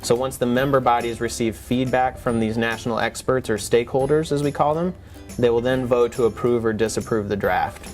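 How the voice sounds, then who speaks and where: Man patiently explaining, mid-pitched. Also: fairly quick, soft background music. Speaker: expert explainer, presenter. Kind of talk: semi-scripted explanatory dialogue.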